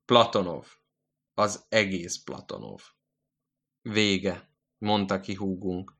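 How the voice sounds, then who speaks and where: A man narrating literary prose in a measured, deliberate reading. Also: sits low, expressive, vocal fry, fairly bright tone.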